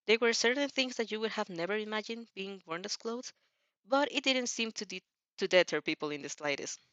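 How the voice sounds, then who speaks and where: An amateur fan fiction reader narrates a story aloud like a storybook, often stumbling over words and rereading phrases. Her mid-range voice is fairly bright and a little fast. The lo-fi recording is dry and slightly dull, with no room sound.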